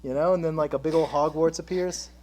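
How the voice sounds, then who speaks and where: A man's voice: fairly high pitch, steady tone, fast talker, darkish tone. A man co-hosting a casual show, joking and laughing as he builds a toy set. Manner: jokey, laughs a lot, goes off on tangents. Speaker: co-host.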